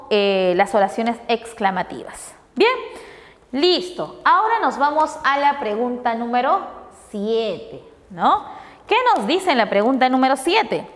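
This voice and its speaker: Woman teacher going over a test, high voice that jumps around a lot, answers her own questions, echoey room. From Peru. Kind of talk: reviewing test answers with pupils.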